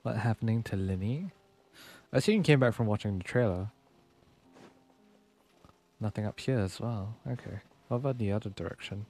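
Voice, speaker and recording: A young virtual YouTuber streams gameplay with casual, chatty live commentary, laid-back and thinking aloud. His husky, darkish voice sits on the low side, with lively intonation at normal speed and frequent pauses, over game music.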